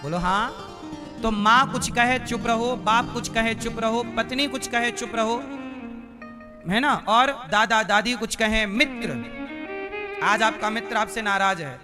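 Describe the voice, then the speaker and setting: A man's voice: very high voice, measured pace, over music. A man preaching a live devotional sermon, repeating his points with emphasis and asking the crowd rhetorical questions that they answer aloud. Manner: repetitive, emphatic teaching cadence. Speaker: preacher giving a religious discourse.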